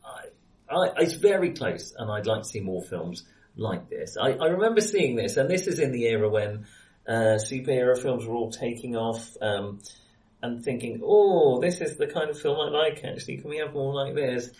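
Chatting casually about films on his podcast, a man speaks at normal speed in a medium-pitched, slightly mellow voice with lively intonation. He frequently hesitates and fixes what he's said as he goes, and the sound is roomy with an echo.

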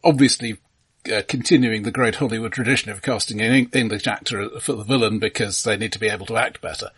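A podcast co-host talks about films in a casual, conversational way. His lowish voice is steady in tone, fast, fairly bright and slightly rough.

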